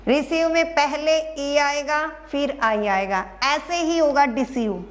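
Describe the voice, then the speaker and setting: High-voiced woman teaching, slow and repetitive. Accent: Haryanvi Hindi. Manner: spells words letter by letter, repeats answers to students. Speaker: English teacher. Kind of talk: classroom exam-prep lesson.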